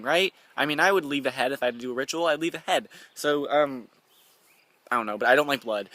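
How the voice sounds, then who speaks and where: A young man filming himself in the woods, rambling nervously with uneasy laughs and swinging between hushed muttering and loud exclaiming. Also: mid-range voice. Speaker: amateur paranormal vlogger. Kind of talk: handheld found-footage vlog. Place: woods outdoors.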